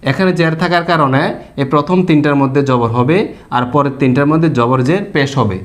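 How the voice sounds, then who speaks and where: A man's voice: on the high side, brisk. A man teaching a recorded pronunciation lesson for Quran reading, patiently drilling syllables over and over and answering his own questions. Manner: asks questions and answers them himself.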